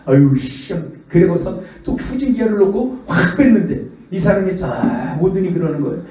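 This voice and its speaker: A man's voice: high voice, brisk. A middle-aged male pastor giving a revival sermon, telling stories animatedly and acting out the people in them. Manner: animated, acts out the voices in his stories. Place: church sanctuary. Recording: echoey church hall, distant mic.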